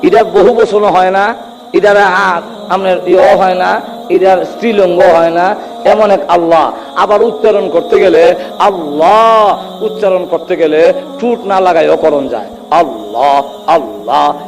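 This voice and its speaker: A man preaching a Bengali waz sermon in a sing-song way, speaking with a tinge and urging the crowd to answer louder. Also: high voice, measured pace, faint music behind. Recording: long hall reverb.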